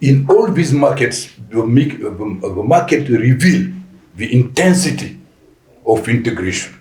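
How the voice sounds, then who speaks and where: Deliberate man, roomy echo. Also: mid-range voice, sing-song, a little mellow. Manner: deliberate with frequent restarts and fillers. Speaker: panel guest. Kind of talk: podcast panel discussion. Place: conference venue.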